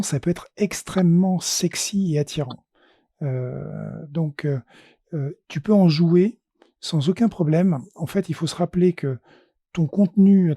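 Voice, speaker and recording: A man's voice: a little high, dark tone, no room sound, clean studio sound. A man from France hosting an online audio room, giving encouraging advice. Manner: encouraging, advising. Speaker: room host.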